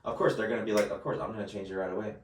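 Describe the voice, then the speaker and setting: A man in his late twenties talks in a low, deep register with a roomy, echoing sound. He rambles through his points with many restarts and fillers, heard from a mic set back from him. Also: level tone, rapid-fire, far from the mic, slight background noise. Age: late 20s. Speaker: podcast co-host. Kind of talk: casual chat.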